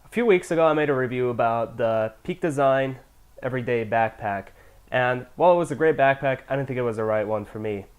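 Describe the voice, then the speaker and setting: A man getting over a cold, speaking with a nasal, stuffy voice as he reviews camera gear in a relaxed, loosely scripted way. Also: medium pitch, fairly quick, clean tone, muffled recording. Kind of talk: casual product review.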